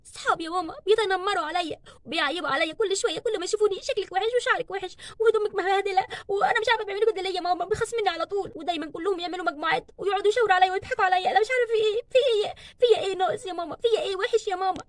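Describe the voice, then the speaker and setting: A tearful little schoolgirl, voiced by a woman with an Egyptian accent, whimpering and pleading in a doll play story. Her voice sits very high and the words tumble out fast. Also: dry recording. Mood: crying. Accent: Egyptian Arabic. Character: sad bullied schoolgirl, tearful and timid.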